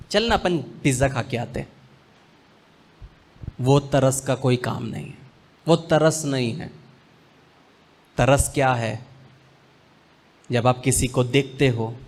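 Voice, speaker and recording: A male pastor preaching a sermon, slipping English phrases in among slow, weighty pauses. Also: mid-range voice.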